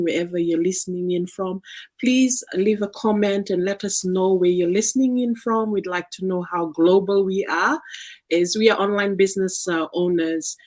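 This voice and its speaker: A woman's voice: on the low side, darkish tone. A woman from Fiji hosting an online live-stream chat, welcoming viewers with frequent ums and uhs. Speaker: host.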